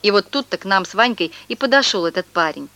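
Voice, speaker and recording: A woman telling a children's story in a lively, expressive way. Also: mid-range voice, fast, no echo. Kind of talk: storybook reading.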